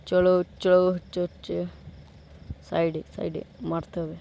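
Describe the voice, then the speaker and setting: A man giving live gameplay commentary, excitable, urging himself on with quick repeated commands and joking about himself to viewers. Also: high-pitched, vocal fry, dull audio. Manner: self-mocking asides to viewers. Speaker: gameplay streamer.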